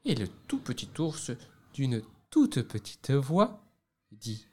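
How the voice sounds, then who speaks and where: Conteur à la voix très expressive. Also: male voice, mid-range voice. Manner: expressive, drawn-out emphasis. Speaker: storyteller. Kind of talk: reading a fairy tale aloud.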